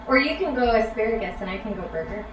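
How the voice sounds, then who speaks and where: A woman's voice: on the high side, lively intonation, fast talker. A middle-aged woman co-hosting a live cooking stream, playful and upbeat with viewers. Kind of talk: casual live-stream chat. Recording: roomy sound from a distant mic, faint background noise.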